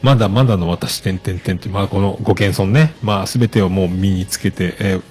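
A man hosting a podcast, chatting casually as he reads out listener messages with many relaxed fillers. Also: deep voice, fast. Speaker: podcast host.

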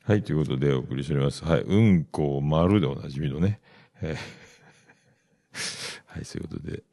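A man's voice: very deep voice, fairly quick, gravelly, warm tone, dry recording, studio quality. A middle-aged man, hosting a casual solo radio-style show in a rambling, chatty way with self-amused asides. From Yamaguchi, Japan. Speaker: podcast host.

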